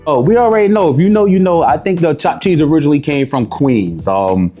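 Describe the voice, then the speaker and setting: A man's voice: on the high side, expressive, brisk, warm tone, soft background music. A man, chatting casually and boastfully as a cooking contestant tasting food. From New York. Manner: boastful, streetwise, easygoing.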